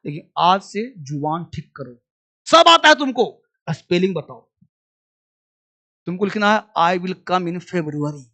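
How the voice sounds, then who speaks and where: A man's voice: high-pitched, pushed and bright. A man teaching an English lesson in a classroom style, drilling words aloud and repeating them with a commanding manner.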